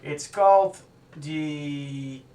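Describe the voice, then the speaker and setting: Guy producer chatting on a live stream, kinda higher voice, stops and restarts a lot, sounds roomy and a bit away from the mic. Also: warm tone. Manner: thinks aloud while working, halting with restarts. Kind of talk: casual live-stream explanation. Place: music studio. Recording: roomy studio sound from a distance.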